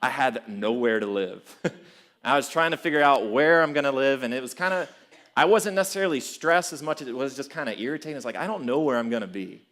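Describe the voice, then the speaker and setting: A man's voice: mid-range voice, brisk. Casual young man preaching, chuckling often. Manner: casual, chuckling, animated storytelling. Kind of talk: sermon.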